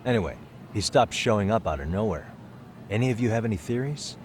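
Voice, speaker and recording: In this English game voice acting, a man plays an easygoing, wry private detective, delivering lines in a casual, dry manner that feels friendly and probing. His voice sits on the low side, close to everyday speech, animated and a little fast. Loud background music and some noise sit behind him.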